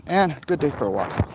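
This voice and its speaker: Out walking on a street, a comic book creator vlogs in a high-leaning voice with vocal fry, rambling casually and tossing in jokey asides. Street noise and passing vehicles are audible.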